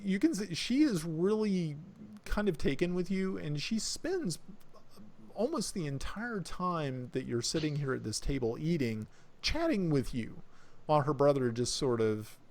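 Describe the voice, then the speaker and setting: A man's voice: a little high, measured pace. A man narrating a tabletop game as game master, in a loose, rambling manner. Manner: lively, loose with fillers.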